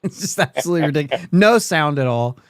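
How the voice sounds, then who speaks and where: A man's voice: fairly high pitch, lively intonation, quick pace, dry recording, clean studio sound. Chatty man hosting a sports podcast. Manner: rambling, chatty, laughs often mid-sentence. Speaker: podcast host. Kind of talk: casual sports podcast chat.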